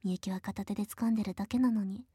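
A woman's voice: medium pitch, steady tone, fast, mellow, breathy edge, no room sound, studio quality. A woman voicing a domineering adult younger sister who mocks and belittles her older brother in an audio role-play drama, with a giggling, condescending manner. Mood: taunting. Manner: taunting, condescending, frequent giggles.

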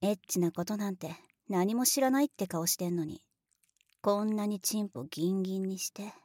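A young woman acting out a rough-talking, bossy big sister in an adult audio role-play drama, blunt and boyish with teasing laughs and some whispered lines. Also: medium pitch, fairly quick, dark tone, no room sound, studio quality, close to an everyday voice.

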